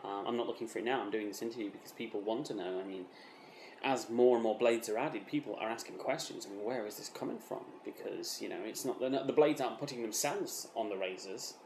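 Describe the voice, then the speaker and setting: A self-important British razor developer, played by a man, gives a mock documentary interview in a lowish voice. He boasts with deadpan earnestness and false modesty, halting and repeating himself defensively. The room echoes around him, with faint noise behind. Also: lightly acted. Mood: falsely modest. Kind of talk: mock documentary interview, improvised-sounding monologue. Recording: roomy echo with faint background noise.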